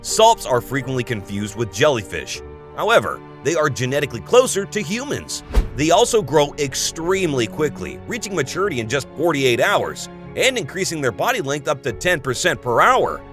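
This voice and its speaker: Animated male nature documentary narrator over music. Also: on the high side, normal speed. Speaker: narrator of a video compilation. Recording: music behind the voice.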